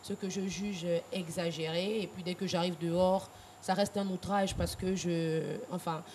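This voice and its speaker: A woman's voice: fairly low pitch, fairly even intonation, moderate pace, darkish tone, slight background noise. A woman from Cameroon and Gabon, speaking frankly as a guest in a TV studio interview. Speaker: guest singer.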